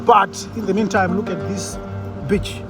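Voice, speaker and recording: A man's voice: sits high, steady tone, unhurried, music in the background. A man with a South African accent talking casually as the host of a travel vlog.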